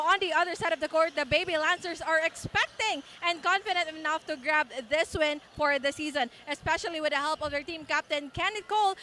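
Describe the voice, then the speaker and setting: Very high, bright female courtside reporter. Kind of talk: prepared sideline report. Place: courtside at a sports venue. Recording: clear background venue noise.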